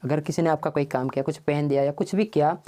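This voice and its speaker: A man giving a spoken English lesson. He asks the class questions, answers them himself and says English phrases slowly, word by word. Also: on the high side, fairly even intonation, dark tone.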